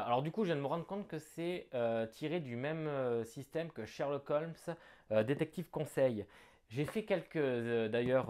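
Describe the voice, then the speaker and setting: Chatty man unboxing a gift. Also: mid-range voice. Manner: chatty, thinking aloud, bursts of excitement. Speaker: board game unboxing vlogger. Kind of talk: casual unboxing commentary.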